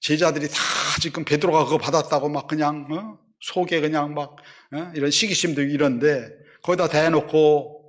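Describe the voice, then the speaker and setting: Male pastor, conversational sermon delivery, rhetorical questions, slightly high voice. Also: normal speed, hardly any pauses. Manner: lively conversational preaching with rhetorical questions to the congregation.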